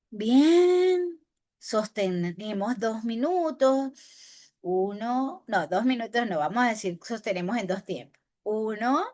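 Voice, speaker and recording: A woman teacher with a Venezuelan accent, giving a lively classroom lecture on handling pressure, often asking rhetorical questions and swinging between loud and soft. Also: fairly high pitch. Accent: Venezuelan Spanish. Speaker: teacher of spokesperson training.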